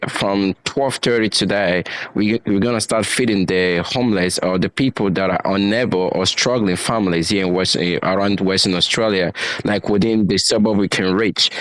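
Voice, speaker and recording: A middle-aged man from Nigeria, raised in Italy, a chef telling stories in an interview with lively restarts. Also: lowish voice, no room sound. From Nigeria, raised in Bologna, Italy. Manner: animated storyteller with frequent restarts. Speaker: chef and restaurant owner, guest. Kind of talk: conversational interview.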